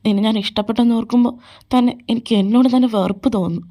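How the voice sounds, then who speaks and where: A woman's voice: on the high side, steady tone, rapid-fire, mellow, close to an everyday voice. A woman voicing a heartbroken young man in a fan audio drama, pleading and tearful. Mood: angry, hurt. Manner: pleading, crying out in protest. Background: faint background music.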